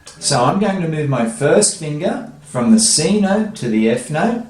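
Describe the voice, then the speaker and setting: A man's voice: a little high, big pitch swings, measured pace, darkish tone. A man teaching a children's guitar lesson, explaining each step patiently. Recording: echoey room, faint guitar music.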